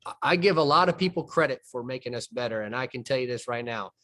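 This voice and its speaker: A man's voice: mid-range voice, lively intonation, fast, pushed and bright. Guy coaching hoops, walking thru film, folksy, mid voice. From southern United States. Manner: folksy, explains plays step by step, trails off and restarts. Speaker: basketball coach. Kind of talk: film breakdown conversation.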